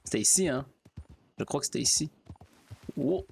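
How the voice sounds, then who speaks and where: A man, chatting casually as a streamer, rambling and halting. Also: medium pitch, animated, gravelly, a little mellow, slightly rough, faint music behind. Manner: rambling, halting, with restarts and fillers. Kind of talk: casual out-of-character chat while gaming.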